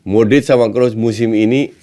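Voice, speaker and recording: A man's voice: mid-range voice, fairly even intonation, moderate pace, mellow. A man with an Indonesian accent talking casually as a football pundit, dropping English phrases into his speech.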